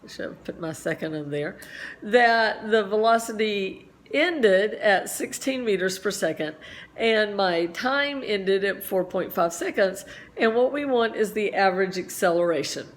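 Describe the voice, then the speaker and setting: A woman's voice: medium pitch, animated, unhurried. A middle-aged woman teacher explaining a physics lesson step by step, chatty and full of asides, with a slight cough.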